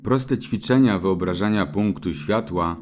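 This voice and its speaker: A man with a lowish voice delivers a slow, measured spiritual lesson. His narration is solemn and deliberate, carried over a faint bed of music. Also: a little mellow. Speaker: spiritual teacher. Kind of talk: scripted narration on chakras.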